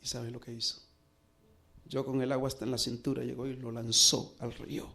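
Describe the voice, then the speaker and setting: A middle-aged pastor preaching, telling a personal story earnestly with dramatic pauses. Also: male voice, mid-range voice, little pitch movement, gravelly, pushed and bright. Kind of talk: sermon storytelling.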